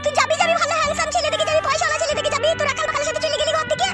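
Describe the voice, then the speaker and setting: A man's voice: flat delivery, racing, over loud music. A performer voicing a crude, scolding middle-aged village mother through a sped-up chipmunk effect. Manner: nagging, vulgar. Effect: sped-up chipmunk pitch.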